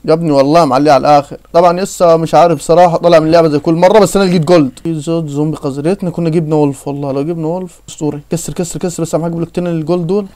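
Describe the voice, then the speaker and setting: A young Egyptian man hosting a let's-play, joking around and breaking into excited outbursts. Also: fairly high pitch, very fast, hardly any pauses. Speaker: gaming channel host. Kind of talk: casual let's-play chat.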